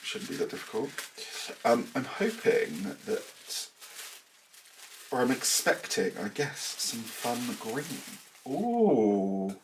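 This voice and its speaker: On a rough recording with a little hiss or hum, a medium-pitched man takes it slowly, his pitch swinging widely. He is a southern English knitting vlogger with a southern English accent, talking casually to his camera mic in a small cluttered room at home, rambling, self-deprecating, and a bit nasal and bunged up.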